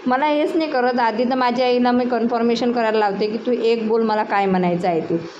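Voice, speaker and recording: A woman's voice: a little high, steady tone, a little fast, darkish tone, lo-fi sound, slight background noise. A young woman, a mother, casually telling viewers her complaints, often turning to them with rhetorical questions. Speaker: mother and vlogger. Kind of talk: casual storytelling to camera.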